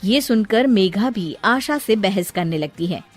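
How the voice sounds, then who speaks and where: A woman narrating a children's cartoon story in clear, even storytelling. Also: medium pitch, measured pace, soft background music.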